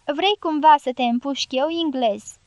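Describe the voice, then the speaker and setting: A woman's voice: high-pitched, no echo, close to an everyday voice. Woman reading as a blunt, grieving guerrilla. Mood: blunt, sorrowful. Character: rough male guerrilla fighter, grieving and loyal.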